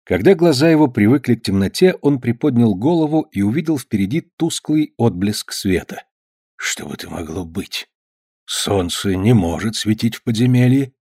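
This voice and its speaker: A man narrating a children's story in an expressive storytelling manner. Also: mid-range voice, normal speed, breathy edge, no echo, studio quality. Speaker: audiobook narrator. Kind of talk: scripted narration.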